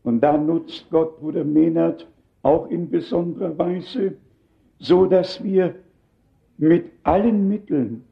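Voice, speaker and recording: An older man delivers a sermon in a fairly high voice, taking his time over each phrase. He preaches with earnest emphasis and speaks straight to his listeners. The recording sounds dull and lo-fi. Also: vocal fry.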